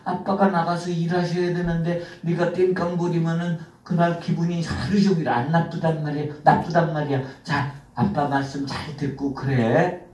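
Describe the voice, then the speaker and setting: An earnest little child puppet acted out by a woman pleads and asks the audience questions in a fairly low voice. The sound is roomy and distant, from a camera at the back of the room. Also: steady tone, normal speed, darkish tone, lightly acted. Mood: pleading. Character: young child puppet torn between good and bad. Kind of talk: live children's puppet show.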